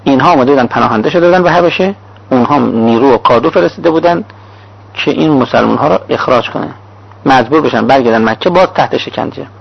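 Gravelly, husky male preacher. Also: medium pitch. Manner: lists examples in short rhythmic phrases. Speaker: cleric lecturing on preaching. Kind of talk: sermon-style lecture. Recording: dull lo-fi recording.

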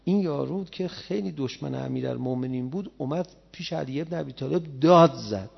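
Man preaching with a gravelly, husky voice. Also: mid-range voice. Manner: conversational, swells to loud emotional cries. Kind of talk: sermon with storytelling. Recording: dull lo-fi sound with long hall reverb.

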